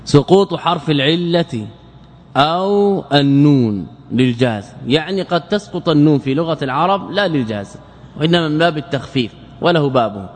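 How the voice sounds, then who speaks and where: Guy teaching grammar to a class, keeps quizzing them and repeating the rules, bit high voice, long echo in the hall. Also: expressive, fairly quick. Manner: questioning students and answering himself; repeats key phrases for emphasis. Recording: long reverb of a lecture hall.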